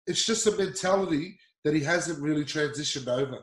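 Outspoken host, slightly high-pitched, casual sports chat in an echoey room. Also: male voice, a little fast. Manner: blunt, swearing, heated ranting.

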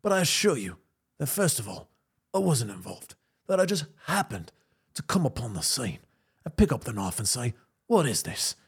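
A man voicing a polite British gentleman with a British accent, husky and lively. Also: medium pitch, voice pushed down, heavily acted. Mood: mock-polite. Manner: mock-polite, slow and soothing. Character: suave British gentleman murder suspect, polite.

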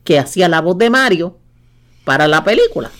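A woman's voice: lowish voice, big pitch swings, brisk, a bit bright. Chatty woman co-host. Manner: chatty, interjects often. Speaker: podcast co-host. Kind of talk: casual chat.

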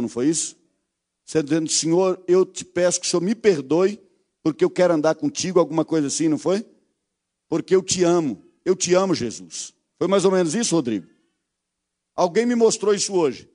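High-voiced Brazilian preacher man. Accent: Brazilian Portuguese. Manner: intimate, addresses listeners as "querido", swings from hushed to fervent. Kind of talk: sermon.

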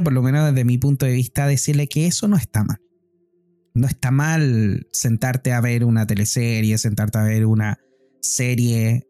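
A man with a Chilean accent sharing personal reflections in a podcast chat, speaking thoughtfully with frequent pauses. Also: medium pitch, dark tone. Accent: Chilean Spanish. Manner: thoughtful, personal, many "eh" fillers. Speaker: co-host.

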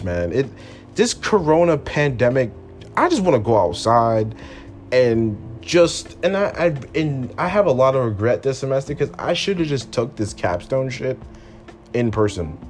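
A man in his twenties delivering a frustrated, profane late-night solo rant from his room at home, repeating himself as he vents. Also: medium pitch. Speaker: podcast host.

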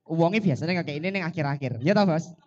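With a Javanese accent, a male MC hosts a live music night at a coffee shop, switching between formal announcements and joking banter as he teases his co-host. His voice is on the high side and darkish, fast and animated, and the recording is muffled.

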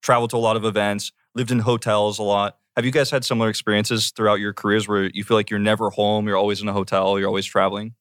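A man's voice: lowish voice, level tone, fast talker, few pauses, fairly bright tone, clear, resonant tone. A young man hosting a casual interview as an esports broadcaster.

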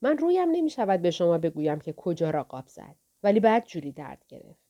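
Woman, audiobook narration, first person, steady storytelling. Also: fairly low pitch. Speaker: audiobook reader.

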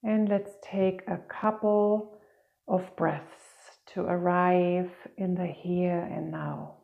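A woman guiding a meditation in a slow, soft and soothing manner, with long pauses. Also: lowish voice, fairly even intonation, vocal fry, phone-quality sound. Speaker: meditation guide. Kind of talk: guided meditation.

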